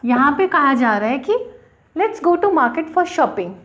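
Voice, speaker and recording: Woman, English teacher, native Hindi speaker, unhurried, spells words out, animated pitch. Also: lo-fi sound. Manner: slow, deliberate, spells out letters and syllables. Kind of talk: bilingual classroom explanation.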